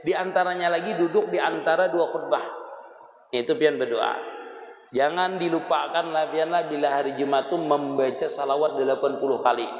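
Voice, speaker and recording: A man's voice: fairly high pitch, steady tone, moderate pace, slight background noise. A man with a Banjar Malay accent gives a casual religious lesson, explaining in a folksy, conversational way with frequent chuckles. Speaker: religious teacher. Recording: dull lo-fi recording in a reverberant hall.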